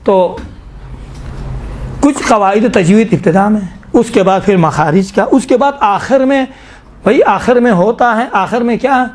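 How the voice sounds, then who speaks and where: A middle-aged man with a notably high voice teaches a class on Quran recitation. He explains each rule patiently and often breaks into slow, drawn-out recitation to demonstrate. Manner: explains step by step, slowly recites and repeats verses to demonstrate. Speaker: tajweed teacher.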